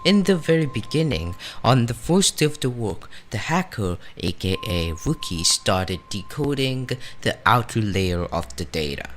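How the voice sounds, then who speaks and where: A man's voice: on the low side, bright, forceful tone, slight background noise. A man narrating scripted game lore in a dramatic way, with rising and falling emphasis. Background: music.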